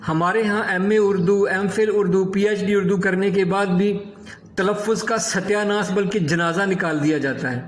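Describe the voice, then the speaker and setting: Echoey high-voiced male Urdu teacher. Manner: corrects pronunciation, repeating words slowly. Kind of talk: lesson explaining pronunciation and word meanings.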